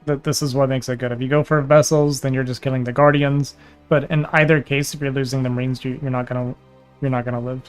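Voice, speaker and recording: A man's voice: mid-range voice, clean tone, faint music behind. Man coaching a game on stream, voice tiring. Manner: relaxed, explanatory, drawn-out pauses. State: voice going hoarse. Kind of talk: casual livestream coaching chat.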